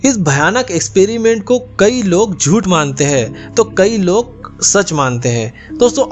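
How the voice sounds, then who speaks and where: A man hosting an explainer channel, narrating a scripted story and often addressing viewers as friends. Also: sits high. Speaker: YouTube channel host.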